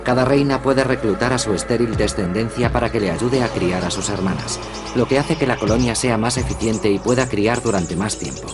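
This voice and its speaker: Low-voiced man narrating a nature documentary over music. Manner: measured, explanatory nature documentary delivery.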